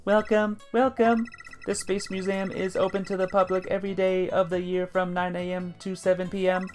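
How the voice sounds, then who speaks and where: A woman voicing a cheerful female guide robot in a bright, singsong announcer manner, with a put-on robot voice. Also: mid-range voice, little pitch movement, normal speed, faint music behind, pitched above the performer's own voice. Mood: announcing. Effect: robot voice, put on by the reader. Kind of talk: fan voice acting of a game.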